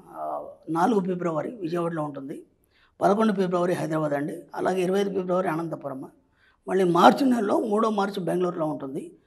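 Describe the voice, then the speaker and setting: A man's voice: sits high, creaky, darkish tone, breathy edge. A man, speaking as a spiritual money coach in an interview. He lectures emphatically and keeps asking if the listener understood.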